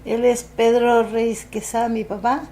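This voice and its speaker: An older woman with a Chilean accent, recalling events in halting testimony with many restarts. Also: fairly high pitch, little pitch movement, mellow. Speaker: interviewee. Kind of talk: personal testimony for a documentary.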